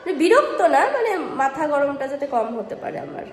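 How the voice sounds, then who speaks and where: A woman with a hoarse voice from a cold, vlogging casually and coaxing a toddler in sing-song baby talk at an indoor play area. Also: high-pitched, big pitch swings, brisk. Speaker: vlogger and mother. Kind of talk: casual vlog narration and talking to a toddler. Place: indoor play zone in a housing society. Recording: echoey hall with faint noise.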